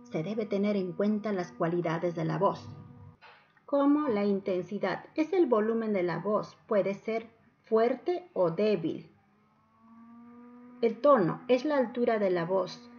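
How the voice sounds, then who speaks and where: The recording is a little dull and lo-fi. A woman speaks at a medium pitch, teaching in the style of a narrated lesson. She enunciates in a didactic way and puts emphasis on each item she explains. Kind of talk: instructional lesson narration over slides. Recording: dull lo-fi voice-over.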